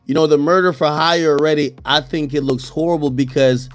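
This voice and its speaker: A man's voice: fairly high pitch, steady tone, brisk, faint music behind. A man in a casual online audio chat, explaining a legal situation step by step with frequent restarts. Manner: explains step by step, many restarts, laughs easily. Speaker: commentator.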